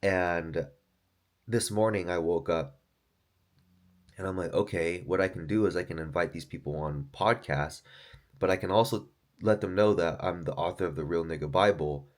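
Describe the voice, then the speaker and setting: A man's voice: low voice, normal speed. A man who is an author and podcaster, talking through his thoughts in a loose, rambling monologue, swearing often and saying "like" and "dude". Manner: loose, profane, full of fillers like "like" and "dude".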